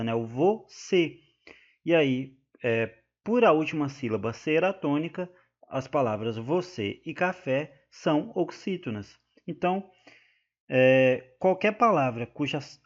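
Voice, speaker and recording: Man, Brazilian accent, exam-prep grammar lesson, fairly high voice, patient and repetitive, slightly dull lo-fi sound. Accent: Brazilian Portuguese. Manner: patient, repetitive explaining, drawing out example words. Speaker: teacher.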